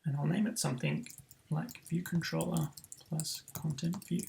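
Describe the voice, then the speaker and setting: A man's voice: fairly high pitch, fairly even intonation, moderate pace, gravelly, a little mellow, slight background noise, rough recording. A man teaching a coding tutorial, thinking aloud with frequent ums and self-corrections. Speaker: programming tutor. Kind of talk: screen-recorded coding tutorial.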